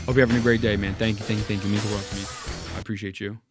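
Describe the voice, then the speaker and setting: A man with a lowish, level voice talks rapid-fire over background music while streaming live and reacting to a video. He chats loosely with viewers, rambling, running himself down, and frequently saying hello to chat.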